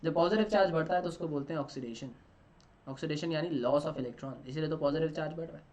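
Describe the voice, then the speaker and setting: A man's voice: fairly high pitch, fast talker, darkish tone, dull audio. Chatty male chemistry teacher quizzing students. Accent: Marathi-influenced Indian. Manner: asks questions and answers them himself, repeats key terms; mixes English phrases into Hindi explanations. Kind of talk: online exam-prep lecture.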